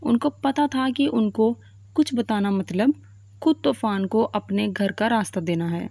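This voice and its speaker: A woman reading a novel aloud as narrator, in steady storytelling. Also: medium pitch, creaky, no room sound.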